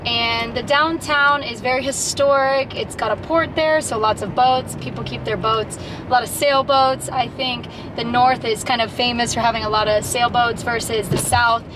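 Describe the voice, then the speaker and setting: A woman's voice: on the high side, steady tone, normal speed, background noise. A young woman from South Florida, narrating a casual travel vlog in an upbeat, chatty way. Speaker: travel vlogger.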